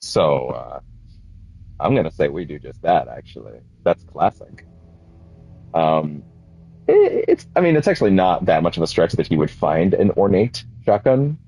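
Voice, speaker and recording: A man with a low-pitched, gravelly, warm voice that's slightly rough streams a game, speaking a little slowly with big pitch swings. Slightly sniffly from a cold, he chats casually, rambling, self-correcting, and using lots of fillers. The audio is dull.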